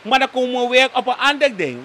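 A man's voice: very high-pitched, animated, quick pace, pushed and bright. A man with a Surinamese Dutch accent, a guest commentator on a live interview show, who tags nearly every sentence with a questioning "toch?" and mixes in Sranan phrases.

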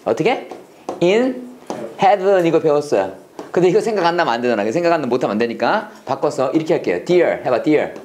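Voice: mid-range voice, sing-song, brisk, darkish tone, a little hiss or hum. A Korean speaker teaching English prayer phrases to a class, drilling lines and having students repeat. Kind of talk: classroom lesson, call and response drills.

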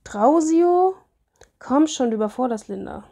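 A woman voicing an excited young bride who greets her old friend, reading the lines aloud with a raised, gushing delivery. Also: high-pitched, unhurried, creaky, heavily acted. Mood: friendly.

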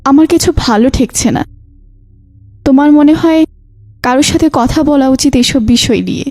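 A woman's voice: high voice, moderate pace, a little mellow, no echo, close to an everyday voice. A woman playing the narrator's worried young wife in an audio ghost story, asking anxious questions.

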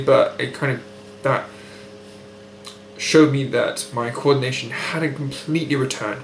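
A young British man records a recovery video diary after surgery, his nose blocked and his voice nasal, medium-pitched, gravelly and a bit bright. He speaks articulately, precisely and unhurriedly. The close-framed built-in webcam mic picks up an echoey room by a window at home, with a faint hum.

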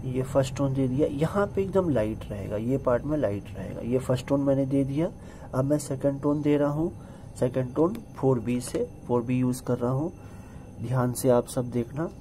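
Brief: man from India as drawing teacher, calm and repetitive, mellow tone, faint background hiss. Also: mid-range voice, moderate pace. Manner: calm, repeats instructions, addresses students. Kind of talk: step-by-step art tutorial.

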